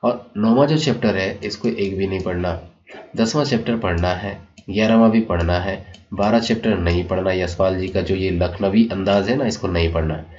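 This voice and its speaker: Speaking at normal speed in a deep voice, a man guides his students through the school syllabus. His tone is warm and explanatory toward the children, and he keeps checking in with "ठीक है" ("okay"); the recording sounds dull and lo-fi.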